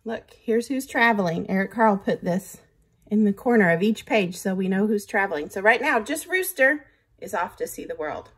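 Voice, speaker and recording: A woman's voice: mid-range voice, expressive, moderate pace, slightly rough. A woman reading a picture book aloud like a teacher, patiently stopping to count along.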